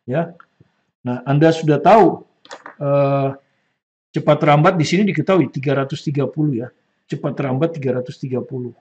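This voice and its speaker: A man's voice: a little high, moderate pace, long pauses, a little mellow, dull audio. An older man teaching a physics lesson, patiently repeating key points and checking in with the class. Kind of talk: classroom lecture.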